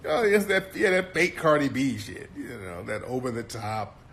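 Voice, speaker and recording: Brash, mocking man with a bright voice. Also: mid-range voice, big pitch swings, normal speed. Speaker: host. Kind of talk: casual commentary.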